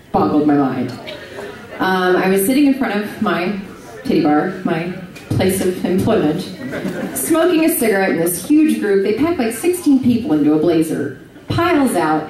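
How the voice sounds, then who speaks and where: A woman's voice: mid-range voice, darkish tone. A woman doing a stand-up comedy set in a bar, telling brash, profane stories with big swings in her voice. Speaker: stand-up comic. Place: bar stage before a live crowd. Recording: echoey room, mic from a distance. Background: crowd laughter.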